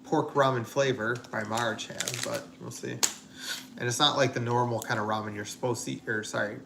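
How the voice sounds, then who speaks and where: Streaming live from his home kitchen, a man with a mid-range voice keeps things casual, cracking jokes and fixing his words mid-sentence. The background is noisy, full of kitchen clatter from clanking dishes and pots.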